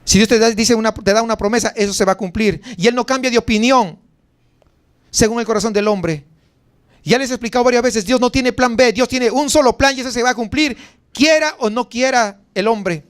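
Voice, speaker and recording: High-voiced Mexican pastor preaching. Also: male voice, brisk. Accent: Mexican Spanish. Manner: conversational preaching with rhetorical questions and sudden emphatic rises. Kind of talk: sermon.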